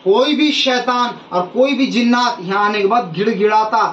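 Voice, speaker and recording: A man with a high voice preaches as a faith healer, hammering his warnings home through repetition. He sounds set back from the mic in a roomy space. The recording has a dull, muffled tone. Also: moderate pace, a bit bright, recorded from a distance, slight background noise. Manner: emphatic, repeats warnings. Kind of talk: preaching to an audience.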